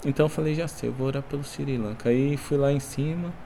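A man's voice: medium pitch, steady tone, fast talker, dark tone, a little hiss or hum. A man, married with children, sharing an emotional personal testimony about prayer in a reflective, repetitive way. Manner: reflective, repeats himself, many "né?" tags.

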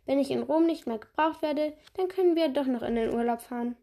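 A woman's voice: high voice, a little fast, mellow. A woman voicing a mother who coaxes her kids in an upbeat way, read from a storybook. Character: cheerful mother back from a trip.

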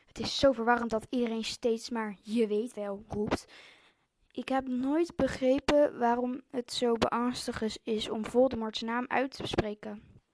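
Woman reading old wizard headmaster, calm and wise, slow, higher voice, small slips. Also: close to an everyday voice. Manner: read aloud slowly with slips.

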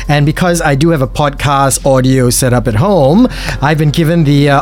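A Singaporean man with a slightly high voice works as a paranormal radio host. He talks in a casual, chatty podcast style, addressing his listeners directly, with music playing under his voice. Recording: music bed behind the voice.

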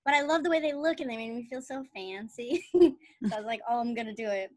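A woman's voice: a little high, animated, fast talker, no room sound. Giggly woman in her thirties. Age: 30s. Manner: giggly, bubbly storyteller who laughs often. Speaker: podcast co-host. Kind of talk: casual chat.

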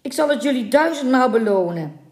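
A woman's voice: expressive, slow, a little mellow. A woman voicing a grieving old merman. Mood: pleading. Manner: pleading, then booming curses. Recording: roomy echoing room.

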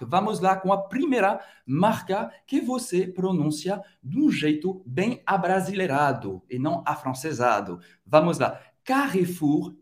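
French man slowly modeling pronunciations. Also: high voice. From France. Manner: slow drawn-out model pronunciations between quick explanations. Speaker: podcast host and French teacher. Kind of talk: pronunciation lesson.

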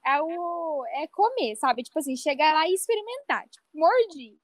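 Young woman, high voice, dry close sound, self-mocking podcast storyteller. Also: lively intonation, normal speed, dry recording. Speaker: podcast co-host. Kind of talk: casual podcast chat.

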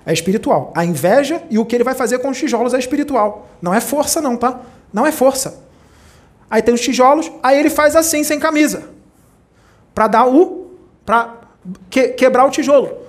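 A man with a remarkably high-pitched voice gives a casual spiritual talk. He tells movie stories with animated energy and often stops to check in with his audience. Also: moderate pace. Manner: animated storyteller, acts out quoted characters; conversational, checks in with listeners often. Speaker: spiritual speaker. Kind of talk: informal spiritual talk retelling film scenes.

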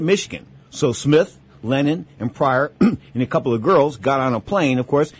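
A man's voice: mid-range voice, breathy edge. A man hosting a sports radio show, delivering an emphatic, showy boxing monologue with ring-announcer flourishes. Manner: emphatic, showman-like, repeats catchphrases. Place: radio studio.

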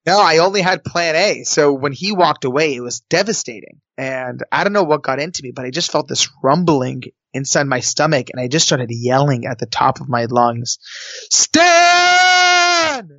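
A man telling a personal story in a lively, comic, conversational way on an interview. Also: medium pitch, normal speed, hardly any pauses, no echo, dull audio. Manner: lively, comic, jumps into quoted voices.

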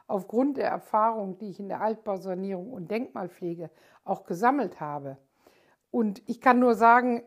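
An older woman, an architect hosting her own podcast, speaking in a thoughtful, hesitant way with many filler sounds. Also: mid-range voice. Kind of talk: casual monologue.

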